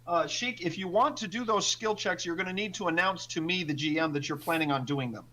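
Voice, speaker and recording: Guy game mastering a tabletop rpg, highish sharp voice, kinda halting explanations. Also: slight background noise. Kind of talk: narrating a tabletop role-playing game.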